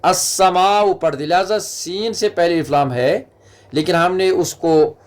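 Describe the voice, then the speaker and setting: A man teaching a lecture on Arabic letters, repeating each word slowly and carefully for students to follow. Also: sits high.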